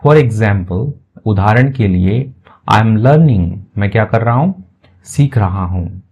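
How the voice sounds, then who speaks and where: A man teaching an English lesson in Hindi. He reads English phrases slowly and translates them word by word, with patient repeated check-ins. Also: on the low side, expressive, a little mellow, husky.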